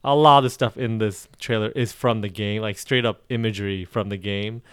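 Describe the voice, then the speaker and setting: Talking in rambling, self-correcting stretches full of ums, this podcast co-host keeps the chat casual. His voice is fairly low, smooth, and fairly bright, with fairly even intonation at a normal speed. A close podcast mic captures him with no echo.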